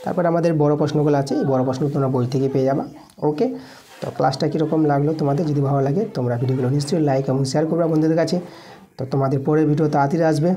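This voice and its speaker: A woman teacher rushes through an exam-prep lesson in a low voice. She keeps repeating key terms and answering her own questions. Her tone is mellow and soft-edged. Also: steady tone. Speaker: school science teacher.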